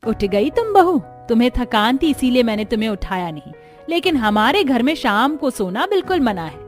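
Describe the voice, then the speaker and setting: A woman's voice: fairly high pitch, sing-song, normal speed, faint music behind. A woman as a strict scolding mother-in-law. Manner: scolding, commanding.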